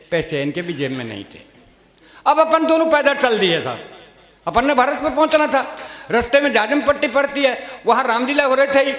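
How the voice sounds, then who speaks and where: A man with a high voice tells rustic comic stories on stage. He acts out each character as he goes. His voice rings out through a reverberant hall. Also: fairly bright tone. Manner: rustic storytelling, voicing each character in turn. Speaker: stand-up comedian. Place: stage at a comedy gathering. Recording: echoey hall, long reverb.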